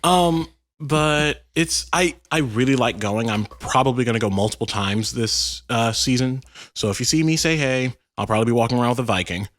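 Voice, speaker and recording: A man's voice: medium pitch, normal speed, a bit bright. A man co-hosting a podcast in casual chat, playful and laughing often. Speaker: podcast co-host.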